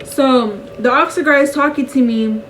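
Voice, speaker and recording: A young woman telling a story in a casual vlog, animated and slangy and laughing often. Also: sits high, moderate pace, far from the mic, rough recording. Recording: voice a bit off-mic with faint noise.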